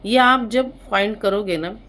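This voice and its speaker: A woman's voice: medium pitch, a little slow, a bit bright. A woman with an Indian accent, a psychologist and counselor, giving a parenting advice talk in an explanatory way, slipping English terms into her speech and using frequent fillers.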